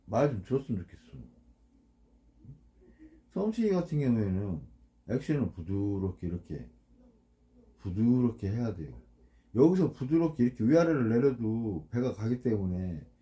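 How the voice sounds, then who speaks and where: A man's voice: mid-range voice, dark tone. A man, a fishing boat captain, giving casual blunt advice to anglers. He keeps asking for agreement and imitates the sounds of the gear. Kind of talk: casual instructional talk.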